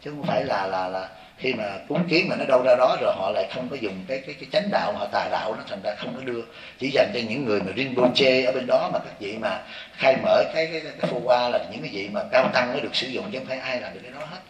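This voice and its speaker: Monk giving an animated sermon, talks quick, keeps asking the crowd if they get it, echoey hall. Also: male voice, medium pitch. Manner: animated, repeats "thấy không?" to the audience. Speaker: Buddhist monk. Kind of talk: dharma talk to a congregation.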